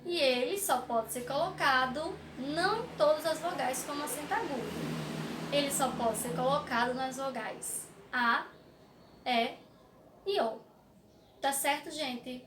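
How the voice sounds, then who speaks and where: Brazilian woman, primary teacher, high and unhurried, stretches words for kids, echoey room, off-mic with faint hiss. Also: far from the mic. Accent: Brazilian Portuguese. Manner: slow, clear, sing-song teaching with drawn-out words. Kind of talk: recorded remote class for children.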